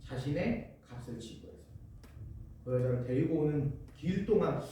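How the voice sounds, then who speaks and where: A man's voice: fairly high pitch, animated, moderate pace, mellow. A young man preaching a casual sermon to teenagers at a church retreat, chatting with the audience and acting out quotes. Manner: conversational, asks the audience questions, acts out quotes. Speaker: youth preacher. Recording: echoey hall, voice from far off, faint noise.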